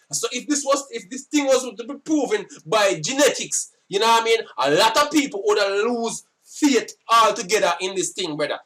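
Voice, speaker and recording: A Jamaican religious commentator sits down to talk casually about scripture, scolding forcefully and often repeating himself. His voice is high, and the mic sounds distant.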